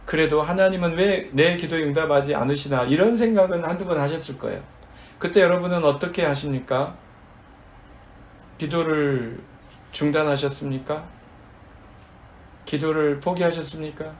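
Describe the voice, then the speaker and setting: 열정적으로 설교하는 남자 목사. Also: male voice, fairly high pitch, moderate pace, pauses often. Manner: emphatic preaching with dramatic quoted prayers. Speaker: pastor. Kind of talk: sermon.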